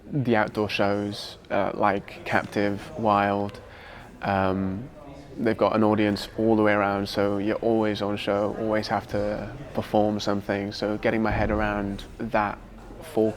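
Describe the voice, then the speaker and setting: A young man from Wales, a dancer, speaking in a thoughtful, hesitant way with many pauses in a documentary interview. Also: on the low side.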